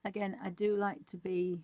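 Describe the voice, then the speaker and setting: The digital art tutorial presenter chats casually and thinks aloud while drawing, her voice at a medium pitch. The audio is dull, with no room sound.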